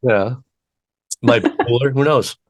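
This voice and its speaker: A man's voice: mid-range voice, fairly quick. A man hosting a casual interview show over a video call from his home studio. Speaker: podcast host.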